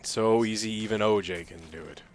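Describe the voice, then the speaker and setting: A man's voice: on the low side, brisk, a little hiss or hum. Dry, teasing male gamer. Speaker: co-host playing a game on stream. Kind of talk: casual gaming chat.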